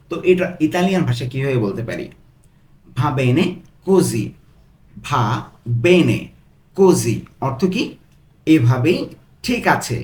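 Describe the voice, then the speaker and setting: A man teaching Italian phrases, repeating each slowly, word by word. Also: fairly high pitch, roomy sound. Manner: slow, broken-down repetition of phrases. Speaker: language tutor. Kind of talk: Italian lesson taught in Bengali.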